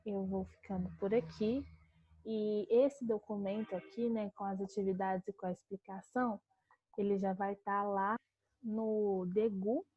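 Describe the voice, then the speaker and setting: A Brazilian woman teacher giving a calm online grammar lesson, explaining step by step and slowing to spell out words. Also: medium pitch, dry recording, highs cut off. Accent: Brazilian Portuguese.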